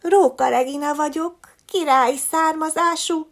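A woman's voice: high-pitched, steady tone, pitched above the performer's own voice. A woman voicing a spoiled, haughty little fox girl who claims royal birth, talking in a whiny, snooty way.

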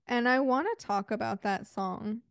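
Female podcast co-host, fairly high voice, playful casual banter, dry close sound. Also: moderate pace, creaky, clear, resonant tone, dry recording. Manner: playful, laughs easily. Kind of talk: casual chat.

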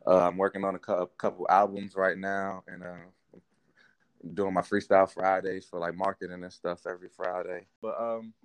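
This man's voice sits low and moves at normal speed, with a clean tone and no room sound. He's a thirtysomething hip hop artist from Washington, D.C., relaxed and rambling through a casual podcast interview, full of fillers.

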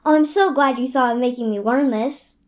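A woman's voice: high voice, fairly quick, a little mellow, natural voice. A young woman voicing a fiery, imaginative orphan girl in an amateur radio play. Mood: dreamy. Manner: dreamy then explosively furious.

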